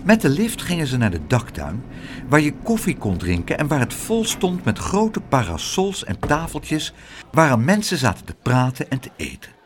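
A man reading a children's story aloud with expressive, dramatic storytelling. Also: mid-range voice, normal speed, a little hiss or hum. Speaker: narrator.

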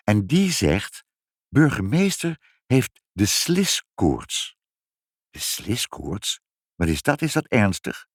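A man doing a brisk storybook mother. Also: fairly low pitch, very animated, husky, dry recording, studio quality, full character voice. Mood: explaining. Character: brisk, sensible mother, once a cat.

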